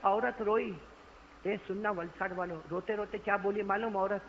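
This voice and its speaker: A man's voice: sits high, fairly even intonation. A man preaching a storytelling sermon to a congregation, dramatic and speaking directly to his listeners, on a dull, slightly noisy recording. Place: gathering before a congregation. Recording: dull lo-fi recording with faint noise.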